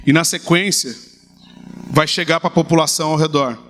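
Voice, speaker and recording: A high-pitched middle-aged man delivers a sermon from the pulpit. He preaches with lively humor, slipping into little acted-out exchanges to make his point. His bright, raised voice carries the playful warmth of a pastor talking to his congregation. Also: moderate pace.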